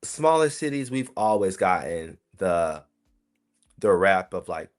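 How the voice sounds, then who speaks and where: Deep-voiced man chatting on a podcast. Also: sing-song, takes it slowly. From South Carolina, USA. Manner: chatty, rambling, frequent asides to listeners. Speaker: podcast host. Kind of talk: casual solo podcast commentary.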